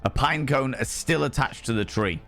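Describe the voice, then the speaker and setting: Hoarse from a day of shouting, this livestream host speaks at a normal pace in a mid-range voice. He welcomes viewers with playful, theatrical flair in casual conversation.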